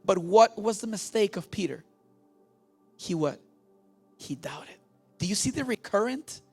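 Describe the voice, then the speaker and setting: Mexican man, pastor, bilingual sermon, high and gravelly, calls and response with the flock, soft music under him. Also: expressive, takes it slowly. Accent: Mexican Spanish. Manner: switches between Spanish and English, repeating each point; asks the congregation questions and has them repeat.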